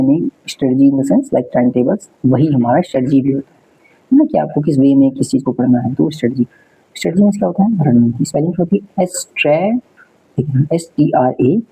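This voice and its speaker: A man's voice: fairly high pitch, dark tone, slightly rough, poor audio. A man teaching an exam spelling lesson, repeating words and spelling them out letter by letter. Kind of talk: spelling lesson, casual explaining.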